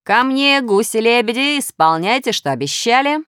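A woman's voice: medium pitch, very animated, normal speed, no room sound, studio quality, pitched above the performer's own voice, natural voice. A woman reading a storybook aloud and voicing Minus, a sly, scheming male character with an unpleasant, wheedling voice. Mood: commanding.

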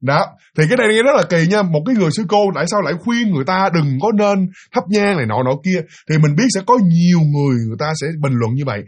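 A fast-talking man with a Southern Vietnamese accent tells a story to his listeners in a chatty, direct way. His voice is hoarse and husky from a cold, and he sits a little higher than most men. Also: lively intonation. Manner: chatty, addresses listeners directly, many fillers. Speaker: storyteller and channel host. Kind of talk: casual spoken storytelling.

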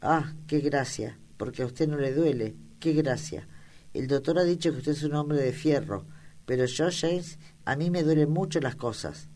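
A woman's voice: sits low, moderate pace, dark tone, a little hiss or hum, lightly acted. A woman reading an audiobook, voicing an earnest, affectionate young country girl with rustic speech.

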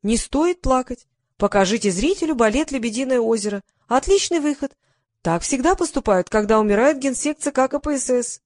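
A woman's voice: high voice, lively intonation, a little fast, a little mellow, no room sound, voice pushed up. A woman voicing an aging male celebrity who speaks with dry irony. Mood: ironic.

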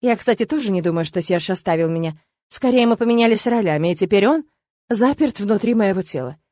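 A woman's voice: mid-range voice, animated, a little fast, warm tone, no echo. Woman narrating an audiobook, dry and close. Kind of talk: first-person audiobook narration.

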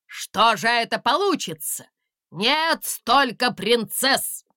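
A woman's voice: on the high side, lively intonation, slow, bright, forceful tone, no room sound, clean studio sound, exaggerated voice. A woman reading aloud and voicing a bossy, grumpy middle-aged king. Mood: indignant.

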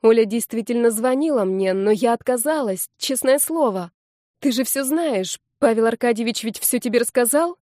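A woman's voice: moderate pace, warm tone, dry recording, studio quality, lightly acted. A woman voicing a desperate young red-haired woman who pleads and protests through tears. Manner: pleading, tearful, raised high voice.

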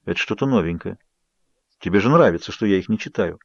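A brooding vampire speaks in a low, hushed, tight-lipped voice full of guilt, read by a man. His lines come quieter and a touch lower than the surrounding reading. The sound is dry and a little dull. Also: expressive, quick pace, gravelly, no echo, full character voice. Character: brooding male vampire, guilt-ridden and intense.

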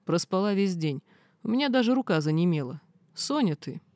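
A woman's voice: fairly low pitch, lively intonation, a little fast, darkish tone, dry recording, studio quality, close to an everyday voice. A woman reading a teasing young red-haired man.

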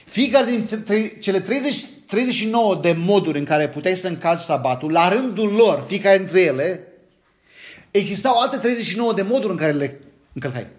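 A middle-aged man with a Romanian accent preaching a sermon in a lively way, often asking his listeners questions. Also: high-pitched. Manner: lively, asks the congregation questions, frequent "da?". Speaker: pastor.

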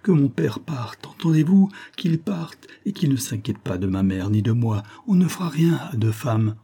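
A man's voice: medium pitch, very animated, moderate pace, mellow, breathy edge, pitched above the performer's own voice. A man voicing a frightened young woman in an audiobook, urgent and pleading. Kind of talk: audiobook character voice.

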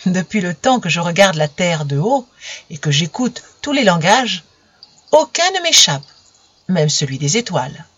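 Husky woman reading a kids' story, gentle and close, dry dull recording. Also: lowish voice, big pitch swings, a little slow. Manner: gentle, intimate address to children. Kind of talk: storybook narration for children.

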